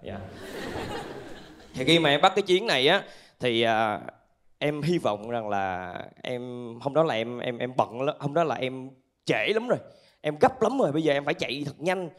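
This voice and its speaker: A man with a southern Vietnamese accent performing animated stand-up storytelling to a live audience through a handheld microphone. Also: medium pitch, normal speed. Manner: animated storytelling with acted-out asides. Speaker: stand-up comedian. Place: theatre stage with laughing audience.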